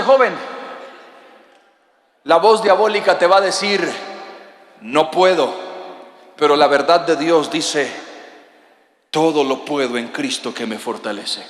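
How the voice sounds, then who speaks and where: A man preaching a sermon, animated, sometimes shouting and joking with the congregation. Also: high-pitched. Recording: echoey hall with long reverb.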